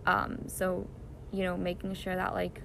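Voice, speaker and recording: A young woman from Israel who was raised in the US gives casual interview answers in a lower, gravelly voice, earnest but monotone and a little slow, filling pauses as she thinks. She was recorded on a phone in a backyard, with clear hiss running beneath her.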